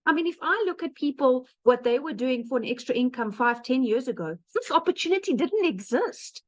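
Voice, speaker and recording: A South African woman in her late thirties, a digital marketer, speaks on an online webinar call, giving an earnest, informal testimonial directly and emphatically to her listeners. Her voice is high, expressive, and fairly quick, and the call audio is dull and lo-fi.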